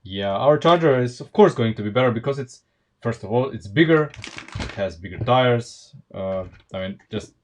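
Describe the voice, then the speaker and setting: A man's voice: mid-range voice, lively intonation, moderate pace, slight background noise. A man from Slovenia with a Slovenian accent, chatting casually on a live stream while building Lego, thinking aloud with lots of fillers and restarts.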